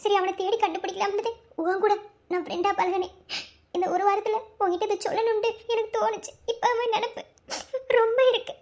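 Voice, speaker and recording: A young woman collector in a television drama, speaking in a with a strikingly high, thin voice. She is proud and sharp-tongued with her family, then soft and halting once she opens up about the man she secretly loves. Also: flat delivery, dull audio. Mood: wistful. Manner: bossy with family, soft and halting when confessing. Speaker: district collector in love.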